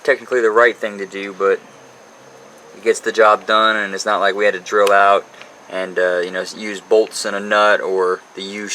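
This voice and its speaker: Man, fairly low voice, vlog host, casual rambling chat, faint background noise. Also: level tone, normal speed, pushed and bright, low-quality recording. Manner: rambling, chatty, with fillers. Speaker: channel host. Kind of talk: casual garage vlog walkthrough.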